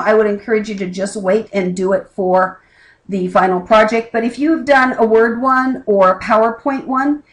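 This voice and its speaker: Here a middle-aged woman records a college lesson from her home desk, using a camera mounted above the keyboard and lamp. She sounds slightly high-pitched and speaks chattily and plainly, dropping in asides. The recording is rough.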